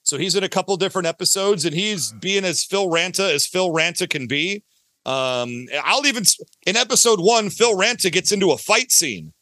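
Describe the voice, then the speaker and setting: An audio drama creator appears as a talkative podcast guest, speaking with a high-pitched, expressive, sharp-toned voice at normal speed. The casual interview chat is emphatic, with phrases repeated to hammer points home, and there's no echo.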